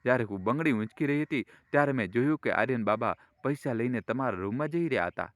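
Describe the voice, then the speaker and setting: A man's voice: medium pitch, animated, quick pace, no room sound, studio quality, natural voice. A man voicing a timid, loyal young household maid who speaks hesitantly and deferentially, in an audio story. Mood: confiding.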